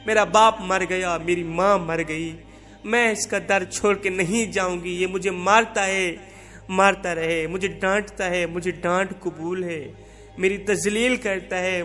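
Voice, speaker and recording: A man's voice: sits high, fairly bright tone. A man voicing a humiliated wife who tearfully pleads her case in a sermon story. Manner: pleading, sorrowful.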